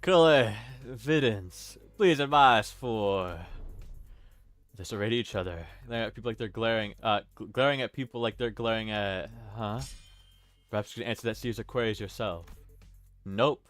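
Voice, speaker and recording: A man's voice: on the low side, fairly quick, fairly bright tone, no echo, soft background music. A man on a casual livestream with friends, reading game lines in a mock-formal way between jokes. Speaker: streamer voicing a game's dialogue.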